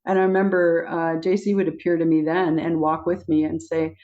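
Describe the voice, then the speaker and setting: A woman guest casually telling spiritual stories, laughing often and acting out her own quoted lines in a high squeaky voice. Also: a little fast. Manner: giggly, animated, acts out quotes with high squeaky voice. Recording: dull lo-fi audio.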